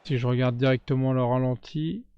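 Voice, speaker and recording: A man giving casual let's-play commentary, chatting straight to his viewers and breaking into cheers and shouts during big plays. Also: mid-range voice, fairly even intonation, fairly quick, smooth, no echo, highs cut off. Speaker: gaming YouTuber.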